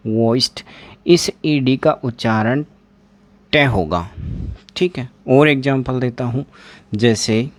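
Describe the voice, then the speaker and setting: A man teaching an exam-prep lesson. He says each word several times over and asks questions that he then answers himself. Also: mid-range voice. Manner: slow, drills words by repeating them.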